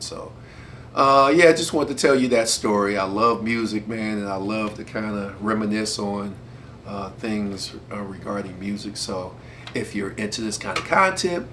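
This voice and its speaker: A man, casually telling a personal story to his viewers, relaxed and chatty with frequent laughs. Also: on the low side, slight background noise. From Detroit, USA. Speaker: channel host.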